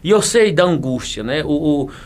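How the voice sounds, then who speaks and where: A slightly high, sing-song male voice at normal speed belongs to a federal police chief and teacher from Bahia, Brazil, in his 40s. He's the guest in a casual interview, frequently joking and laughing while repeating words.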